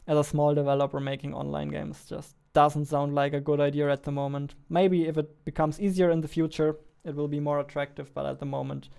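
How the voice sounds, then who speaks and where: Fairly high in pitch but gravelly and darkish, his voice still comes through clear and resonant. He's a 20-something indie developer chatting casually while he works on a livestream, using a close boom-arm studio mic in his small home studio.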